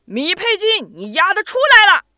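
A woman voicing a rowdy young man who shouts taunts from the street, high and loud. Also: sing-song, normal speed, dry recording, clean studio sound, exaggerated voice. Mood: taunting yell.

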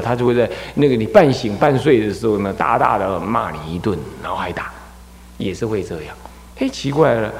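A man, a Buddhist abbot, giving a dharma talk as animated storytelling, often repeating words while he finds them. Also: mid-range voice, in a large hall.

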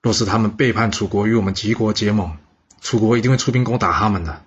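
A calculating chief minister lays out his plans in a measured, persuasive tone, as a man voices him. His voice is low and husky. The sound is muffled and lo-fi. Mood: advising. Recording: dull lo-fi recording.

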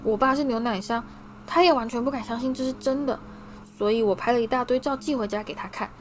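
A man's voice: very high-pitched, quick pace, slight background noise. A woman voicing an eager, starstruck young schoolboy who gushes and pleads breathlessly.

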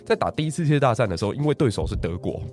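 Here a man with a Taiwanese Mandarin accent briskly narrates royal history for a podcast audience, his pitch rising and falling widely. Animated throughout, he repeatedly turns to listeners with rhetorical questions while soft music hums faintly underneath.

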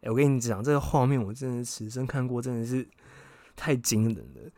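A young man, hosting a podcast and telling a personal story casually, frank and excitable, swearing freely. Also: mid-range voice, fairly quick, no echo. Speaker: podcast host.

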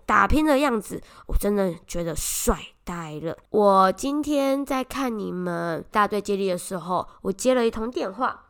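A young woman kindergarten teacher with a Taiwanese Mandarin accent tells her story casually, in an animated and exclamatory way. Her voice sits high and swoops widely. The tone is smooth and clear. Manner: animated, exclamatory, often voices children's lines.

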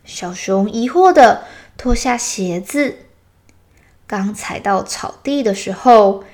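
A woman narrating a children's story in a slow, gentle, clear way. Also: mid-range voice.

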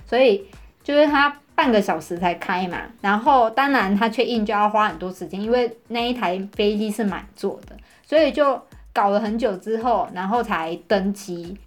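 A woman chats casually on a podcast, recounting a story with animated energy and frequent laughter. Her voice sits in a middle register for a woman, and faint music plays quietly behind her. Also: mid-range voice, normal speed. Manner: animated, laughs often while telling a story. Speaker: podcast co-host.

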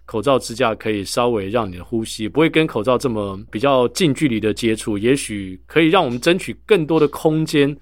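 A man's voice: mid-range voice, lively intonation, brisk, few pauses, no echo, studio quality. Taiwanese man hosting from behind a face mask. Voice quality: speaking through a face mask. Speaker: podcast host. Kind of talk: casual podcast conversation.

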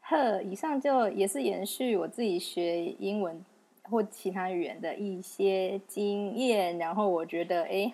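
A young woman with a Taiwanese Mandarin accent talks through her own podcast episode alone, loose and conversational. She pokes fun at herself and laughs easily between thoughts. Her pitch sits in a middle range for a woman. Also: a little mellow. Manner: chatty and self-mocking, laughs often. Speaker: podcast host. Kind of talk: casual solo podcast monologue.

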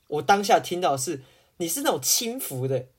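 A woman's voice: lowish voice, very animated, a little fast, husky. A woman, chatting casually as a podcast co-host, swearing freely, laughing often and mimicking others. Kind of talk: casual chat.

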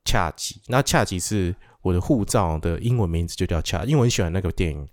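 Dry-miked, low-voiced Taiwanese man joking around. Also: expressive, fast, no room sound. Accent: Taiwanese Mandarin. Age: middle-aged. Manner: joking, mock-grumbling, earthy slang. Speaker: podcast guest, podcaster. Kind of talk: casual chat.

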